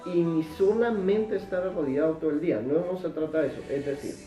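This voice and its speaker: A man's voice: fairly high pitch, quick pace, dark tone, echoey room, distant mic, faint music behind, rough recording. A man teaching a Bible sermon in an emphatic way, repeating words for stress. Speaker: preacher.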